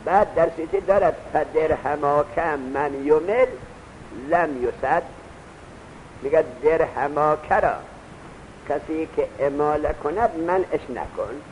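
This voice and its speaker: A man with a slightly high-pitched voice gives a grammar lecture. He goes over each point again, puts questions to his students and tells them to write things down. A faint rumbling noise sits behind him. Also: low-quality recording. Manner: repeats points and quizzes the students; urges students to take notes. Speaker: teacher of Arabic grammar. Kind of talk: classroom lecture.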